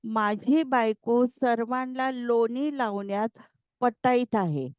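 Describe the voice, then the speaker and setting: A woman's voice: fairly high pitch, slow pace, darkish tone, smooth, dry recording, muffled recording. A woman doing a stubborn, protesting young husband. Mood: insistent. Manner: insistent, protesting.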